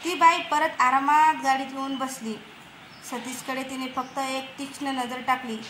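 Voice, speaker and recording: A woman storyteller with a high voice reads a horror story. Her narration is steady and suspenseful. There is faint noise behind her. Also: normal speed.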